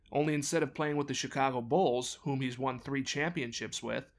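A man hosts a sports storytelling podcast, reading from a script in an even, mid-pitched voice. He slips wry, sarcastic jabs into the narration. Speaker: podcast host.

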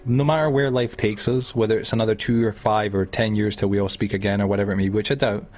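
Speaking quickly in a lowish, steady and slightly mellow voice, a podcast host from Edinburgh, Scotland, chats casually over an online call. His talk meanders, full of fillers and false starts.

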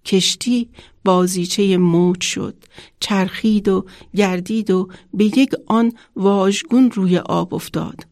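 A woman children's author reads her own story aloud in a measured, expressive way. Her mid-pitched voice has a slightly gravelly grain. The recording is close and dry, with no room sound. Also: no echo.

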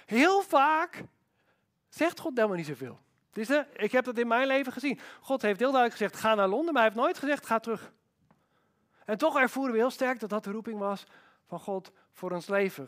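A man preaching a sermon as pastor, emphatic and animated, with rhetorical questions. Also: high-pitched.

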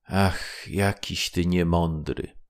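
A poor fisherman's wife from a fairy tale mocks her husband with bitter irony, voiced by a man. The voice is low and gravelly underneath, and it is delivered slowly. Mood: mocking. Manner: ironic, scolding.

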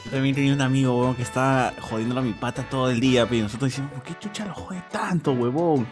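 A man's voice: medium pitch, rapid-fire. A man co-hosting a casual podcast, telling stories animatedly with slang and swearing. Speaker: podcast co-host. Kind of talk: casual group podcast chat. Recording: background music under the talk. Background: music.

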